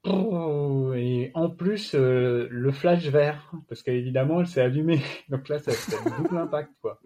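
A man with a dark, mellow voice and a French accent recounts his experience in a relaxed interview. He talks haltingly, full of fillers and restarts. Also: mid-range voice. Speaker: guest athlete. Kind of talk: casual interview storytelling.

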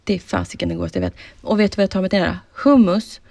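A woman co-hosting a podcast in casual chat, chatty and excitable, swearing casually as she talks. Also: medium pitch, vocal fry. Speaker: podcast co-host.

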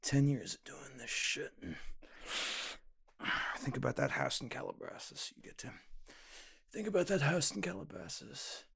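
An actor playing a weary, washed-up comedian who mutters to himself, sighing and giving himself slow pep talks. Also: male voice, medium pitch, expressive, vocal fry, a bit bright, husky, dry recording, studio quality, heavily acted. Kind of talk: audio drama acting.

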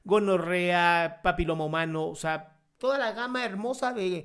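Blunt advice host, mid-pitched. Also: moderate pace, fairly bright tone, clean tone, soft background music. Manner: blunt, interrupting, calls the caller pet names. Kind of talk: frank advice talk.

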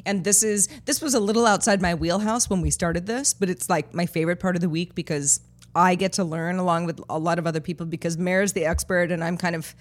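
A woman's voice: lowish voice, steady tone, a little fast. A woman co-hosting a podcast in casual chat, self-deprecating, circling back over her words as she goes. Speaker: podcast co-host and producer.

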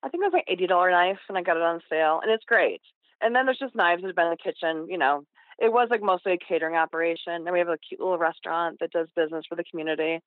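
A woman's voice: fairly low pitch, rapid-fire, no room sound. Woman in her fifties over the phone. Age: 50s. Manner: plain, chatty, loose with fillers like "like" and "you know". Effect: heard over the phone. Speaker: caller to a cooking radio show. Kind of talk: casual call-in chat. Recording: tinny dry phone line.

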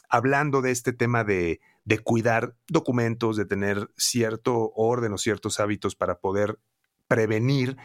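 A man's voice: mid-range voice, dry recording, clean studio sound. A man interviewing a guest and asking long, winding questions.

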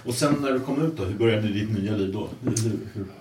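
A man with a very deep voice hosts a casual interview with short, dry remarks. He sounds set back from the mic in a roomy space. Clear hiss runs behind him. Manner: brief, dry interjections and questions. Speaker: podcast host. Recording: roomy, distant mic with noise.

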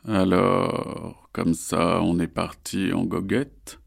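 A cunning male panther from a children's storybook, speaking in a slow, low, raspy purr meant to sound reassuring, voiced by a male narrator. The husky voice stays close to a man's natural low register, unhurried and smooth. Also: flat delivery, full character voice. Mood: sly.

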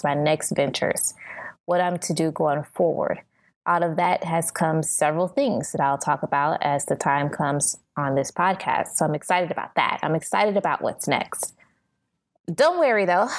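A woman hosting a solo motivational podcast, giving scripted advice in an earnest, encouraging, orderly step-by-step way. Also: low-pitched. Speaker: podcast host.

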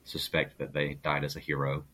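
A man's voice: a bass voice, monotone, normal speed, a bit bright, breathy edge. A young adult man, a podcast guest, telling a story casually with rambling fillers. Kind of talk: casual conversation.

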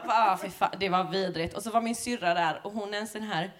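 A woman, a comedian, telling crude stories with lots of laughter in a casual chat. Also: medium pitch.

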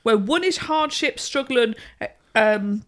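A woman chats with very animated intonation. She is blunt and wry, talking informally as a podcast co-host. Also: fairly high pitch, measured pace. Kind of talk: casual chat.

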